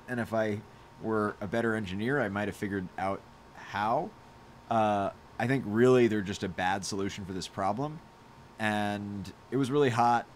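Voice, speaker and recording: A man's voice: fairly low pitch, slight background noise. A young man casually answering fan questions on a live stream, rambling through stories with lots of fillers and laughs. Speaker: podcast creator hosting a live Q&A. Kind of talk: casual live chat with fans.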